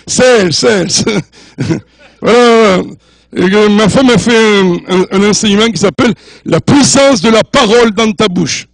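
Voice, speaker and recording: A man's voice: high-pitched, takes it slowly, dry recording. An older man preaching as a guest in a church, jovial and joking with the congregation, mixing French, English and Spanish. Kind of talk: sermon.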